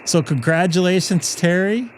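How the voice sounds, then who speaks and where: A man's voice: high-pitched, moderate pace. A man working as a ham radio net control operator, chatting casually and mocking himself between calls in a radio room full of static. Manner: chatty and self-mocking, talking to himself on air. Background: radio static and ambient hiss.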